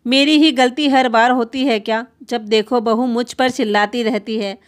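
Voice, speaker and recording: A meek older grandmother pours out her grievances in a plaintive, pleading way, as a woman narrator voices her. The voice sits a little high. It is a story reading, plainly spoken. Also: fairly even intonation, normal speed, close to an everyday voice. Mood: hurt complaint. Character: aggrieved elderly grandmother, meek and tearful.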